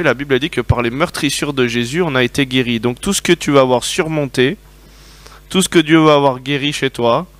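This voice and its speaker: A man preaching a sermon, telling personal stories in a lively way and often asking his listeners whether they agree. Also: medium pitch. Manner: lively storytelling, asks the audience for agreement.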